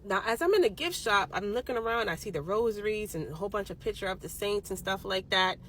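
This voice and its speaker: A young woman casually telling a personal supernatural story, animated and swearing freely, getting louder when she quotes people. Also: mid-range voice, fast talker. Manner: animated, swearing, rising loud when quoting others.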